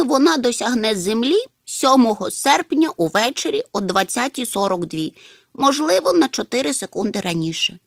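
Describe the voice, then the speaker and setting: A woman's voice: sits high, gravelly, no room sound, clean studio sound, voice pushed up, heavily acted. A woman voicing a small, fussy, timid male creature in a storybook reading, with a whiny, hesitant manner.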